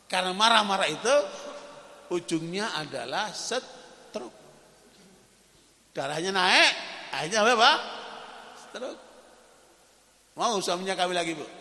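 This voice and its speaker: A man's voice: high-pitched, pushed and bright. A man preaching a dawn sermon in a mosque, asking the congregation questions and acting out quoted voices. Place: mosque hall. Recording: echoey mosque hall reverb.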